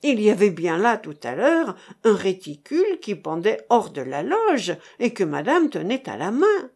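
An indignant middle-aged gentleman raises the alarm with outraged cries, as a woman reader puts him on in a storybook. His voice swings widely in pitch. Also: big pitch swings, normal speed, husky. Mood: exasperated.

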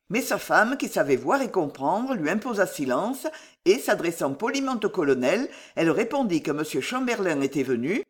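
A reader narrating a classic novel in an expressive audiobook style. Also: mid-range voice, slightly rough. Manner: expressive reading.

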